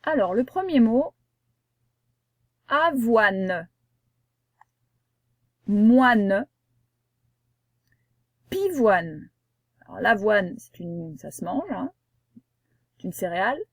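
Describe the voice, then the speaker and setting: A woman teacher giving a reading lesson to young children, patient and slow, spelling out sounds one by one. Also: medium pitch, very animated, dry recording, studio quality. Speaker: primary school teacher.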